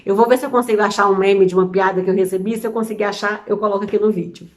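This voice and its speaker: A woman's voice: mid-range voice, steady tone, rapid-fire. A Brazilian woman in her thirties with a Brazilian Portuguese accent, chatting casually to camera as a vlogger, amused and full of examples. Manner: chatty, amused, explains with many examples and restarts. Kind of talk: casual explainer chat to camera.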